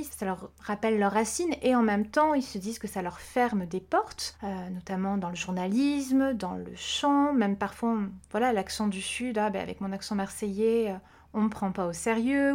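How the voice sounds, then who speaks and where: A woman who works as a vocal coach, explaining her ideas in a relaxed interview with frequent hesitations. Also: medium pitch. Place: podcast recording.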